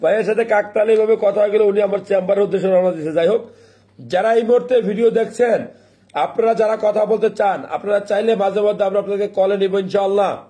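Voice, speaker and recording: High-voiced man hosting a live call-in. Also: steady tone, warm tone. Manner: friendly, repeats phone numbers slowly, laughs often. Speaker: live-stream host phoning viewers. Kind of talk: casual live call-in chat.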